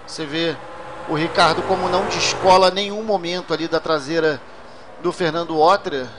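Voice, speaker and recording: A man's voice: a little high, fairly even intonation, normal speed. A Brazilian man working as a motorsport commentator, calling a race live as lead commentator. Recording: noisy, car engine noise behind.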